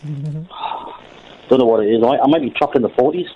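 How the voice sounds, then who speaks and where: A man's voice: medium pitch, moderate pace. A man calling in to a radio phone-in, chatty and jokey, his voice coming through an echoey line that sounds like an old homemade record. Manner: jokey and rambling. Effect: crackly, echoey phone line that sounds like an old record. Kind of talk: casual chat.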